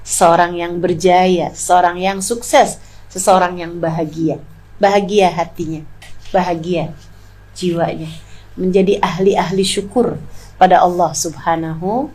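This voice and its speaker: A woman's voice: lowish voice, a little mellow. A woman in her forties from Indonesia, preaching and earnestly retelling a story in a sermon. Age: 40s.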